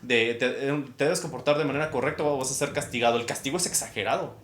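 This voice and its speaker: A young man, a podcast co-host in casual conversation who tells stories lively and acts out other people's voices. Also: medium pitch, fast talker. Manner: animated storyteller who acts out teachers' voices. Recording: echoey room with faint noise.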